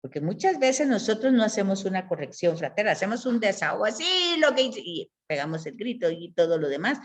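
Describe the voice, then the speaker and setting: A woman's voice: mid-range voice, animated, a little fast, darkish tone. Woman Bible teacher, explanatory lecture tone with rhetorical questions to the class.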